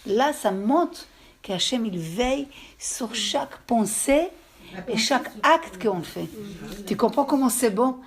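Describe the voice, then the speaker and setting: A woman with an accent giving a religious lesson to a group, telling stories in a halting way and often checking that her listeners understood. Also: on the high side, expressive. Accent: speaks with an accent. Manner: storytelling, with halting restarts. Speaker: religious teacher. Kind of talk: lecture to a group.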